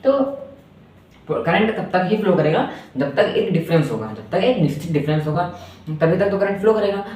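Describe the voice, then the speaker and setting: A man's voice: on the high side, darkish tone. A male physics teacher giving a lecture, repeating phrases and asking the class rhetorical questions. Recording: echoey distant room mic with faint noise.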